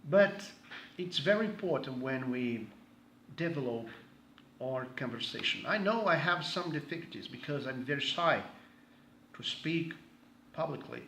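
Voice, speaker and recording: Speaking with a Brazilian Portuguese accent, a man at medium pitch offers an informal introduction of himself to the group. He sounds expressive and a little bright but halts often, restarting while he finds words, and the echoey room adds faint ambient noise.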